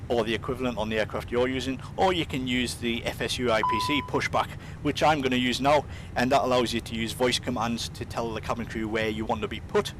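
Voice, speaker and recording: A man giving a casual, explanatory software demonstration as its presenter. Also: steady tone, brisk, few pauses. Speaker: presenter of a flight simulator demonstration. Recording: rumbling engine noise behind. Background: simulator aircraft rumble.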